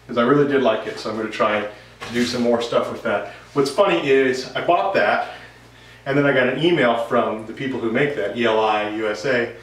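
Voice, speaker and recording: In a noisy, roomy workshop recording captured from a distance, a man in his thirties delivers a rambling, conversational update to camera for his woodworking vlog. His medium-pitched voice holds a steady tone at a brisk pace, and the setting is his indoor home workshop.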